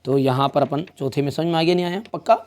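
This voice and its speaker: A man's voice: fairly high pitch, fast talker, a little mellow. A man coaching students through exam answers in a casual teacherly way, reading lines aloud and then explaining them. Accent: Hindi from central India. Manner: informal, addresses students as brother and child, reads text then explains. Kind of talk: exam prep lesson, explaining and translating.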